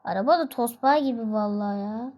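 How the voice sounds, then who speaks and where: Female gaming host, high pitch, chatty, exclamation-heavy play commentary. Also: fast. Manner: chatty and excitable, frequent exclamations and laughs. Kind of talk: casual gameplay commentary.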